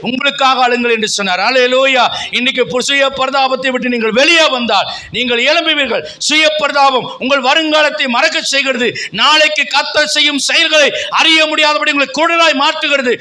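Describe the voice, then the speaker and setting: A man's voice: extremely high pitch, sharp tone. A middle-aged male pastor preaching a fervent sermon in a church, with repeated calls and rising emphasis. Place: church sanctuary.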